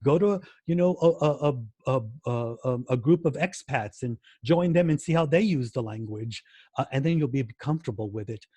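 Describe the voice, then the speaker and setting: A man's voice: mid-range voice, normal speed, mellow, slightly rough, dry recording. Man, American accent, casual interview talk, filler-heavy, repeats for emphasis, dry close sound. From United States. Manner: many fillers and restarts, repeats words for emphasis. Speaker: guest language educator.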